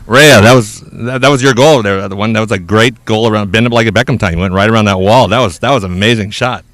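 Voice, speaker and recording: A man hosting a high school sports broadcast, chatting briskly with players after a game and signing off. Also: a bit bright, no echo. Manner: brisk, chatty, a little rambling. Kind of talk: post-game interview and sign-off.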